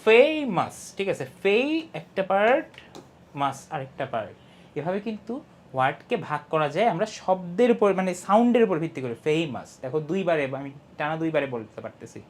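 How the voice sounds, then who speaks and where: A young man teaching an English lesson, explaining step by step, reading English lines slowly and stressing key syllables. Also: a little high, big pitch swings. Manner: explains step by step, often asks "ঠিক আছে?". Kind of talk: online class lesson.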